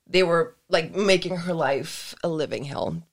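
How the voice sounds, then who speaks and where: A woman co-hosts a podcast, chatting casually in a rambling, giggly manner and swearing freely. Her voice sits low and her pace is measured.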